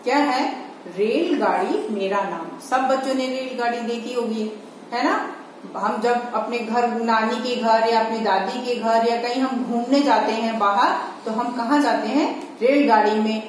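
A primary school Hindi teacher gives a slow, patient classroom lesson video for small children, sounding out syllables and posing rhetorical questions. Her voice is a little high, with fairly even intonation and a measured pace. The room is echoey, she sits a bit distant from the mic, and there's slight background noise.

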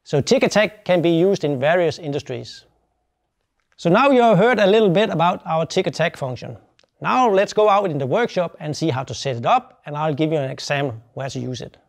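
Recorded on a lapel mic, this man in his fifties presents a plain, instructional product tutorial as a welding specialist. His voice is on the high side and creaky, animated, and a little fast.

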